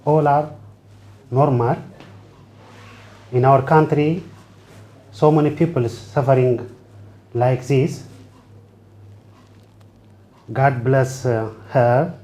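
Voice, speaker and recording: A man from Ethiopia giving a patient testimonial to camera, speaking in short, simple phrases with frequent pauses. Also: medium pitch, mellow.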